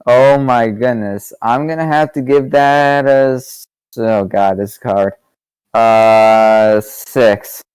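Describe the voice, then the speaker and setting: A man giving relaxed color commentary and scores as a judge, with frequent casual fillers. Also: mid-range voice, slow, clean tone, no room sound. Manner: relaxed, easygoing, says "you know" often.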